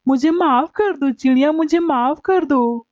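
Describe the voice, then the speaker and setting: Woman voicing a lazy male cartoon bird, whiny, high-pitched, dull lo-fi sound. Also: unhurried, a little mellow, no room sound. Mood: pleading. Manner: whiny, dismissive grumbling. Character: lazy grumbling male bird, thieving husband. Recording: dull lo-fi recording.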